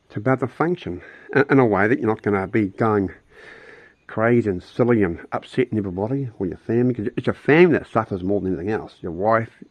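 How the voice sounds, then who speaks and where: An older man vlogs casually to camera outdoors on his rural property, his medium-pitched voice captured in a dry, muffled recording. He rambles bluntly and keeps restarting his sentences.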